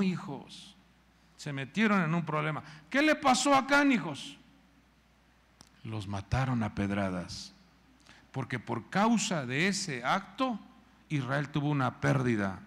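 A man's voice: medium pitch, vocal fry, a bit bright. A man preaching a sermon, acting out voices and calling on the congregation to repeat phrases. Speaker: pastor. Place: church hall. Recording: long church reverb.

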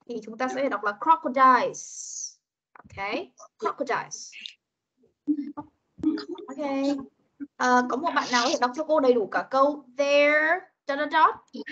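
Using a high, slightly bright and husky voice, a woman guides young children through an online English lesson, coaxing answers out of them. She slows way down to model words for them to repeat, over muffled, lo-fi video-call audio.

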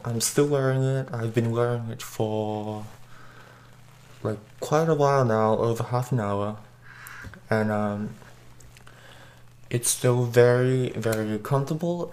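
A man casually reviewing a mask while wearing it, hesitant with many pauses and restarts, his voice coming through the face mask. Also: medium pitch, a little mellow, slight background noise.

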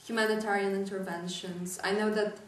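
A woman's voice: medium pitch, little pitch movement, fairly quick, a little hiss or hum. A young woman from Poland gives a thoughtful, hesitant interview answer in an indoor room. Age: young adult. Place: indoor room with lamp and furniture. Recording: echoey room, distant mic.

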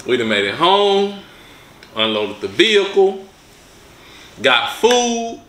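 A man's voice: sits high, sing-song, slow, pushed and bright, echoey room, slight background noise. A young man hosting a casual vlog from a living room sofa, laid-back but hyping up his viewers. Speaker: vlog host.

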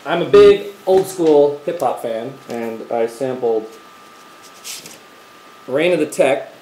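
A man's voice: mid-range voice, expressive, takes it slowly, mellow, echoey room, a little hiss or hum, rough recording. A man in casual, joking livestream chat, rambling about his band's music. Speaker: band member on a livestream. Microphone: laptop webcam mic.

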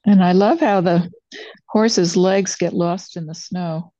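An older woman who teaches watercolor narrates a live painting demo at an indoor painting table, thinking aloud very unhurriedly and pausing between phrases as she paints. Her voice is soft and dark, on the low side, with fairly even intonation. The lo-fi recording sounds dull and carries no room sound.

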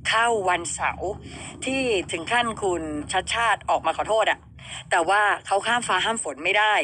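Bright-voiced woman radio host, chatty, keeps asking listeners questions, faint background noise. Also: mid-range voice, moderate pace. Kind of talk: casual radio chat.

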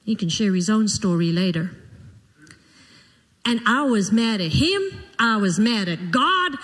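A woman preaching a sermon to a congregation, expressive and animated, telling stories from her own life. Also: medium pitch, a little slow, big-room sound.

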